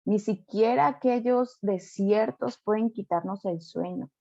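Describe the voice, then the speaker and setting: Mellow-voiced woman pastor preaching. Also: medium pitch, a little slow, vocal fry, dry recording, lo-fi sound. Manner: emphatic, with rhetorical tag questions. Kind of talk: sermon.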